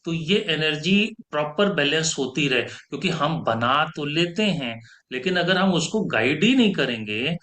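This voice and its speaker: Lively bright-voiced male meditation teacher. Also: a little high. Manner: explains with repeated examples, rises for quoted voices. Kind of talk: spiritual teaching talk. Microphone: podcast mic.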